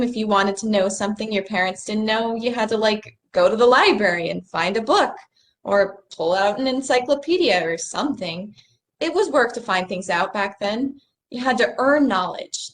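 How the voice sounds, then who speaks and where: A woman's voice: mid-range voice, expressive, moderate pace, close to an everyday voice. A young woman acting an earnest, bookish stargazer in a stage play reading, a little apologetic as she explains things. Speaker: actor in a rehearsed play reading.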